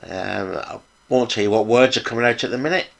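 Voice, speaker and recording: A man's voice: mid-range voice, fairly quick, vocal fry. A middle-aged British man casually narrating a hands-on hobby build vlog in an informal, appreciative, chatty way. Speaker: hobby video host, model car builder.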